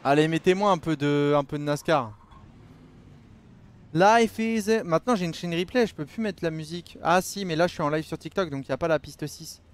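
A man's voice: on the high side, a little fast. A man streaming a racing game live, chatting casually and reading viewer messages aloud in loose slang. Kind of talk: casual live-stream chat while gaming.

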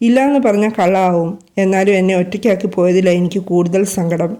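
A woman voicing a young woman who sulks and sobs to her lover on the phone, her tone warm and mellow. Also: mid-range voice, fast, close to an everyday voice. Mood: tearful. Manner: sobbing, pouting. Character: young woman, tearful and sulky sweetheart.

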